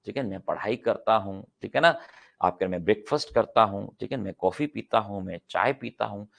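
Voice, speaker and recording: Middle-aged guy teaching grammar, gravelly voice, keeps asking questions and answering them himself, says examples over and over. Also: lowish voice, fairly quick, fairly bright tone. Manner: repeats example sentences several times for practice. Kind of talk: classroom-style lecture.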